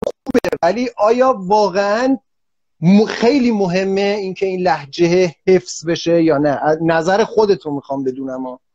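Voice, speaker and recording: A man's voice: high-pitched, a little mellow, no room sound. A man hosting an interview who asks long, rambling questions in a casual way. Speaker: interview host. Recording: dull lo-fi dry sound.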